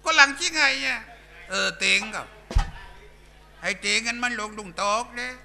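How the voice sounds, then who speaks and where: A man's voice: very high voice, animated, moderate pace, sharp tone, heavily acted. A man voicing a bawdy male village clown in a Southern Thai accent, telling coarse jokes in a live shadow puppet show. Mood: bawdy joking. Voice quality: coarse, rowdy, bantering.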